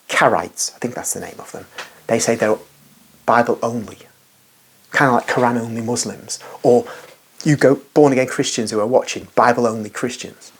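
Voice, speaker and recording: Husky, low-voiced man musing aloud. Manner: rambling, emphatic, with asides and restarts. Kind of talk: unscripted religious monologue.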